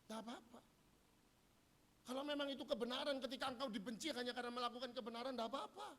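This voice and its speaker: High-voiced preacher man. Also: fast talker, fairly bright tone. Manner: humorous, acts out quoted dialogue. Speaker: pastor. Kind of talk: sermon. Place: church.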